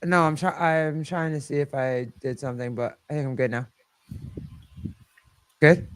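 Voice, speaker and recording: Smooth, higher-voiced man hosting a livestream. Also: normal speed, no echo. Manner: informal, swearing. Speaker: livestream host. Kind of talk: casual live call-in chat.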